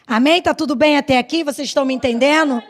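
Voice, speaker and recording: A woman preaching a sermon in a church, conversational and lively, moving between soft asides and loud exhortation, laughing often. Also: sits high, quick pace.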